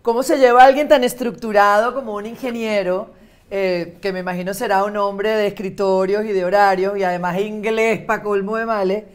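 A woman's voice: medium pitch, fairly even intonation, normal speed. A woman hosting a casual interview on a video call, asking long, chatty questions. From Venezuela. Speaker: host.

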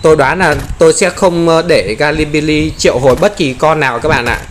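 A man giving excited gameplay commentary, often exclaiming and playfully taunting enemies. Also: on the high side, brisk, a little hiss or hum.

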